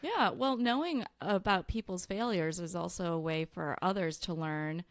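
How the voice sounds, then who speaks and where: A woman's voice: on the low side, normal speed, no room sound, studio quality. A woman with a Chicago accent co-hosting a casual podcast chat, giggly and a little nervous. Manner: giggly, nervous, laughs a lot. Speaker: podcast co-host.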